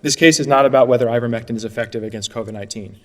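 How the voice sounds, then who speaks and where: A man arguing as an attorney before an appeals court, brisk and earnest, often restarting his phrases. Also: medium pitch. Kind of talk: courtroom oral argument. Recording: long courtroom reverb.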